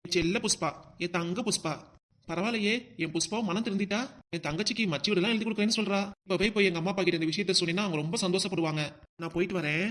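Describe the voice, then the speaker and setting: A performer voicing an exasperated village husband in a cartoon, with a southern Tamil Nadu accent and a complaining manner. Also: female voice, lowish voice, racing, slight background noise, lightly acted. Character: grumbling husband, middle-aged village man. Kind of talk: cartoon voice acting.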